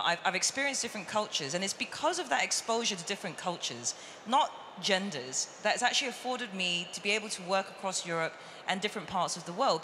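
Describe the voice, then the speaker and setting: A woman's voice: on the low side, pushed and bright. A woman from the UK, speaking earnestly as a conference panelist. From United Kingdom. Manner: earnest, reflective, draws on personal experience. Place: large conference hall stage. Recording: reverberant hall with faint noise.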